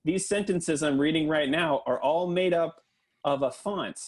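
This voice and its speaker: A man doing an earnest, deadpan mock lecture for a comedy podcast, with lots of hesitant fillers. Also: a little high, a little slow.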